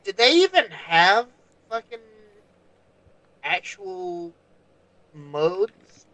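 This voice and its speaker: A man's voice: sits high, big pitch swings, extremely slow, sharp tone, no echo, poor audio. A man co-hosting a casual chat about toys, skeptical and full of questions.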